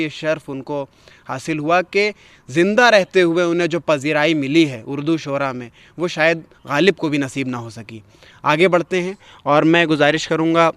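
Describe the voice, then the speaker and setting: A man hosts a poetry gathering, reciting verse and offering commentary in a measured, expressive, literary manner. His voice sits a little high with a clean tone, and there's no room sound.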